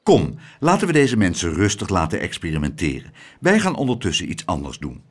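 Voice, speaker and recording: A man's voice: sits low, huge pitch swings, fairly quick, voice pushed down, heavily acted. A man reading aloud as a small-town mayor who makes grand announcements to a crowd. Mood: hesitant. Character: eager pompous male town mayor.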